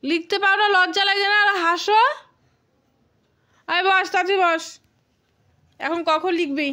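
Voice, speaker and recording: A woman's voice: very high voice, moderate pace, bright, forceful tone. A young mother casually scolding and coaxing her child at home, exasperated and teasing.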